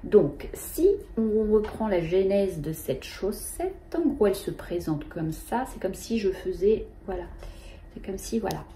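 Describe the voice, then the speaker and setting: A middle-aged woman, hosting a knitting show in a casual, halting way with many fillers. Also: medium pitch, animated, dark tone, a little hiss or hum. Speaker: knitting podcast host.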